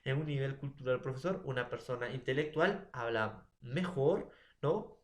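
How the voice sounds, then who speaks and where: A young man presents a lesson. His voice sits at an ordinary middle pitch. He keeps turning to the teacher and checking in with short tag questions, and the room around him echoes. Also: animated, moderate pace. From Peru. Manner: addresses a teacher often, with many fillers and tag questions. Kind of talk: classroom presentation.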